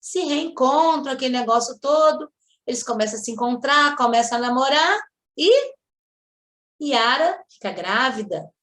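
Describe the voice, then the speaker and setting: Woman, study-group speaker, higher voice, animated storyteller. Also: normal speed. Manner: lively storyteller acting out quoted lines. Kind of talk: spiritist study talk, storytelling.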